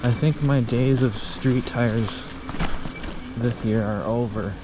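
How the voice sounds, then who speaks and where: A man out of breath and breathing heavily, giving casual, halting commentary while riding an electric bike outdoors. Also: medium pitch. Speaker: e-bike rider filming a test ride. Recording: loud motor buzz and outdoor noise.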